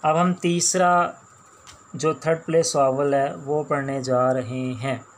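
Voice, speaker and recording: A man with a Pakistani accent teaching a shorthand class, explaining each sound slowly and repeating words as he writes them out. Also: medium pitch, steady tone, a little hiss or hum. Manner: slow, patient, repeats each sound and word. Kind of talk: classroom lecture while writing on a board.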